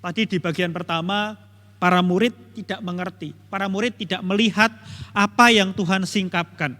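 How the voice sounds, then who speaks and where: A man's voice: sits high, steady tone, moderate pace, sharp tone, in a large hall. A man teaching a Bible study, retelling the story emphatically and repetitively and addressing his listeners directly. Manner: repetitive, emphatic retelling with many "begitu ya" tags. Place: church hall.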